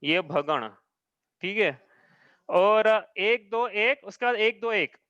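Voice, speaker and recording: This man speaks slowly in a high, slightly bright, clean voice with lively intonation, teaching an online class by video call. He explains patiently step by step and frequently confirms students follow. The call audio is dull and dry, with no echo.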